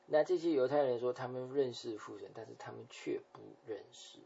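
Male pastor, mid-pitched, gravelly and husky, explanatory sermon delivery, on a dull lo-fi recording. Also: fairly quick. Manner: explanatory, with frequent softening tag particles.

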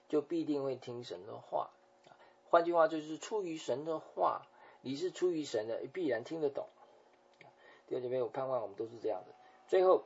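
A man preaching a sermon as a pastor, explaining scripture patiently and softening his points with frequent tag particles. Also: on the high side, husky. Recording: dull lo-fi recording.

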